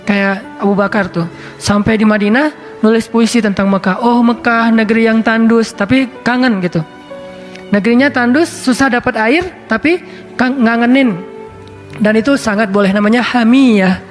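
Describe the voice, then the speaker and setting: A man's voice: high-pitched, moderate pace, faint music behind. A male preacher giving a casual, chatty sermon, talking conversationally and now and then reciting scripture.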